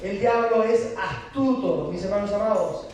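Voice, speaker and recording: A man's voice: high voice, a little slow. A man preaching a passionate sermon, asking the congregation rhetorical questions. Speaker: pastor. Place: church hall. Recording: echoey hall from far off with noise.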